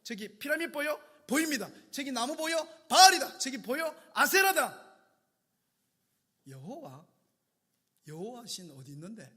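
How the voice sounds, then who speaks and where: A man's voice: very high voice, big pitch swings, normal speed, bright, forceful tone, husky, exaggerated voice. A man voicing a scornful, mocking male pharaoh who taunts and boasts, within a sermon. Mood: boastful.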